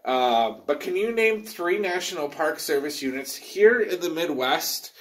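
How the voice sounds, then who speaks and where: A man's voice: on the high side, animated, a little slow, fairly bright tone. A man hosting a casual live virtual program from underground in a mine, talking in a folksy, rambling way. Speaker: host and president of a rail education group.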